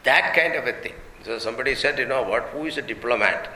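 A man's voice: mid-range voice, quick pace, bright, forceful tone. A man with an Indian accent gives a spiritual discourse as a swami, explaining through rhetorical questions and humorous examples. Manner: switches between English and Hindi. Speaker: swami giving a spiritual teaching. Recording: roomy echoing hall, faint background noise.

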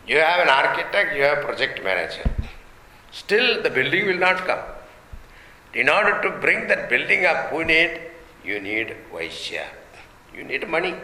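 Male spiritual teacher, Indian accent, slightly high and very forceful voice, explanatory discourse with humorous examples, recorded in a roomy, echoing space. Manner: switches between English and Hindi. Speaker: swami giving a spiritual teaching. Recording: roomy echoing hall, faint background noise.

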